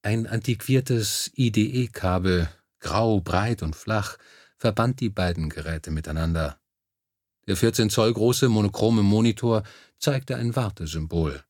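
Man, audiobook narrator, low voice, measured scripted reading, dry close recording. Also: darkish tone, no echo.

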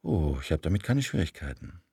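A man voicing a reserved, composed hotelier who answers in a calm, understated way. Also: low voice, a little fast, creaky, breathy edge, no echo, clean studio sound, exaggerated voice. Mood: dry.

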